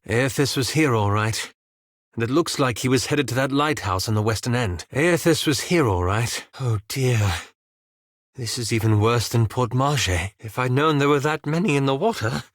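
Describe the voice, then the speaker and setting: A male actor with a mid-range voice lightly performs a wry, anxious, fastidious elf wizard in a video game. His manner is dry, polite and hesitant, and there's no echo.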